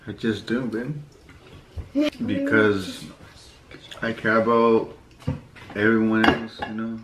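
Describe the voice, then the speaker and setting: A man chatting casually with his partner, shy and soft-spoken, with laughs. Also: lowish voice, fairly even intonation, slow pace, background noise. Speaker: partner and guest. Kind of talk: casual chat. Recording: echoey room with guitar music behind.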